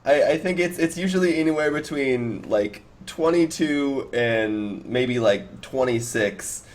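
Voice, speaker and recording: Unhurried and with lively intonation, a medium-pitched twenty-year-old cannabis streamer in his 20s chats with his live audience over a video call headset. He's indoors in a small home room, rambling, laughing, and restarting his sentences many times.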